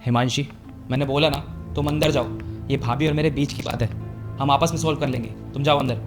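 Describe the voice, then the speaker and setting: A man's voice: medium pitch, steady tone, a little fast, music in the background, natural voice. A man playing a young husband loyal to his elder brother who lectures his wife in a scripted family drama. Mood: firm. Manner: lecturing, stern.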